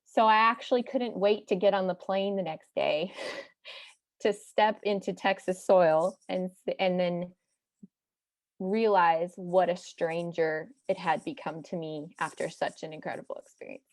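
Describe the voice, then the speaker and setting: A woman's voice: lowish voice, steady tone, unhurried, no room sound. Woman storyteller, reflective close, dry close sound. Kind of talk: personal storytelling.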